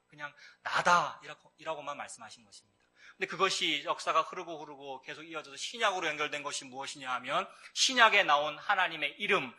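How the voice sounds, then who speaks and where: A man preaches to his congregation in a sermon, his voice very bright and a little high. He calls out to the listeners again and again and swells into emphatic bursts. Now and then he acts out the quoted words of believers. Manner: addresses congregation often, rising to emphatic bursts. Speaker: pastor.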